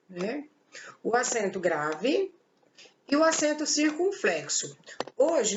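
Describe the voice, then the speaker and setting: A woman's voice: high voice, a little hiss or hum. A woman teacher with a Brazilian Portuguese accent giving a recorded grammar lesson, explaining patiently with rhetorical questions and diminutive words. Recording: echoey, dull lo-fi room recording.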